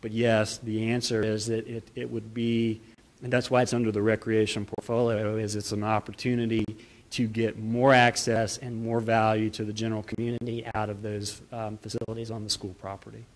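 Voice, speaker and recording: A man answering an audience question at a town hall meeting, halting and repeating words, on a handheld mic in a meeting room. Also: lowish voice, little pitch movement. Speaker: county official answering questions. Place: meeting room with projector screen.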